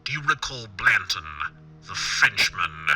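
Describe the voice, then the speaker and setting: The Shadow, deep, slow, sinister whisperer. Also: male voice, sing-song, sharp tone, faint music behind, exaggerated voice. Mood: probing. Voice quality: low, whispered. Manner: slow, halting, menacing, deliberate. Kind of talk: dramatic pulp audiobook reading.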